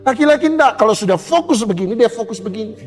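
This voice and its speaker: A man's voice: extremely high pitch, lively intonation, quick pace, in a large hall, faint music behind. A male pastor preaching a humorous sermon, joking and acting out little quoted exchanges. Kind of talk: humorous sermon to a women's gathering. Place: church hall.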